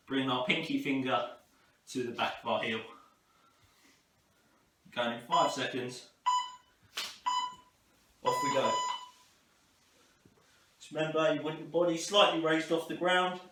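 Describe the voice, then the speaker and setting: Male fitness instructor, encouraging and instructional, medium pitch, echoey room with faint noise. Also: fairly bright tone. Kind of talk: live workout coaching to camera. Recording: roomy, distant mic, faint noise.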